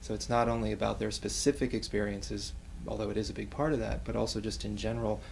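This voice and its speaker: A man on campus staff explaining a program in a measured, informative way. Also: lowish voice, flat delivery, vocal fry, darkish tone, a little hiss or hum. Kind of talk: explanatory interview.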